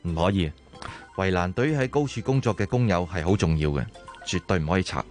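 A calm safety expert in a radio play who explains rules in a steady, instructive way. His voice sits somewhat low and even. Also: fast talker, faint music behind. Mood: warning. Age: young adult. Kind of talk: radio drama acting.

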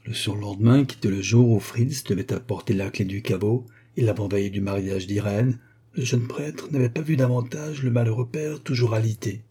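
A man narrating a classic novel in a measured storytelling voice. His tone is low and dark, with a husky grain to it. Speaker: audiobook reader.

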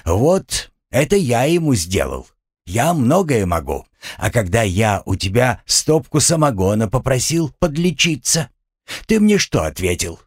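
A man's voice: mid-range voice, big pitch swings, unhurried, breathy edge, no room sound, studio quality, voice pushed up. Man voicing a grumpy bragging little sidekick. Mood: grumbling boastful. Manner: quarrelsome, bragging.

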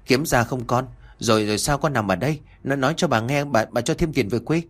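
A man voicing a cunning old mistress of the house who gives hurried, evasive orders in an audiobook. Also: mid-range voice, natural voice. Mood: commanding.

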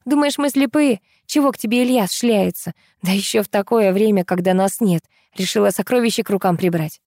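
A woman voicing a sharp-tongued, sarcastic young woman in an audiobook. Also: mid-range voice, a little fast, no room sound, studio quality, close to an everyday voice. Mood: needling. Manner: needling, sarcastic.

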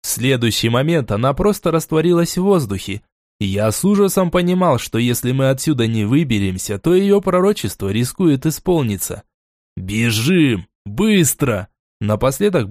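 A man narrating a first-person fantasy audiobook in an expressive, dramatic reading style. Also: medium pitch, no echo, clean studio sound.

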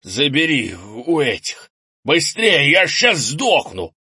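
A man voicing a hulking, gruff old grandfather warrior who is wounded and hoarse, grumbling and bossy in an audiobook story. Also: on the low side, expressive, slow, a bit bright, no echo, studio quality, exaggerated voice. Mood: hoarse urgent. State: wounded and out of breath.

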